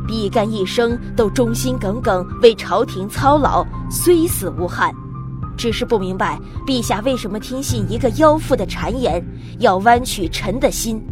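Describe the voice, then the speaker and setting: A woman voicing an old, loyal male minister, indignant and defiant, with loud outbursts. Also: a little high, lively intonation, moderate pace, music in the background, pitched below the performer's own voice, natural voice.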